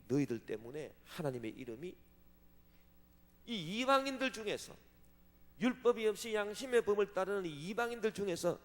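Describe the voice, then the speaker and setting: A man preaching a sermon as pastor, swinging from loud outbursts to hushed asides. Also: medium pitch. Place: large church sanctuary. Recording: long church hall reverb.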